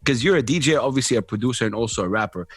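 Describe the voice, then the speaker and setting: A man hosting a casual interview over a video call, animated and friendly, using Arabic greetings. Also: medium pitch, rapid-fire, husky, dry recording, clean studio sound, soft background music. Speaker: podcast host.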